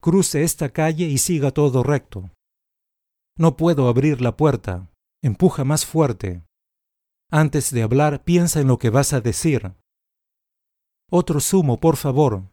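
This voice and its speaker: A man reading short example sentences aloud for language learners, in a slow, deliberate, carefully enunciated way. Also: mid-range voice, mellow, no room sound, clean studio sound. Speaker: language teacher.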